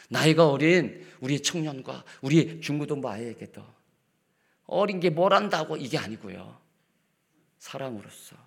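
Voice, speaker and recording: A middle-aged man preaching a sermon in a church, swinging from loud acted rebukes to hushed whispers and playfully acting out quoted lines. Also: lowish voice, vocal fry, breathy edge. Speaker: pastor. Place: church sanctuary.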